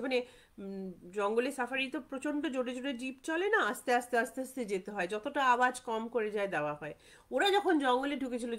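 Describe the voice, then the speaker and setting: A woman telling a jungle ghost story in a loose, unscripted way, slipping English phrases into her talk and pausing often to find her words. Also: fairly high pitch, fairly bright tone. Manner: unscripted, mixes in English phrases, many fillers and repetitions. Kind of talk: casual spoken storytelling.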